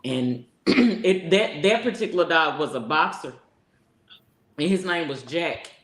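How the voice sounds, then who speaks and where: A woman's voice: deep voice, expressive, a little slow. A woman co-hosting a casual chat, telling a rambling story full of restarts and asides. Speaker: co-host. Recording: roomy echo.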